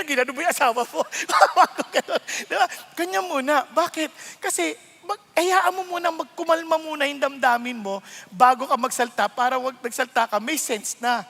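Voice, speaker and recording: A middle-aged man preaching a conversational sermon as a pastor, playful and animated, laughing often and putting questions to his listeners. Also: very high-pitched, moderate pace, creaky, in a large hall.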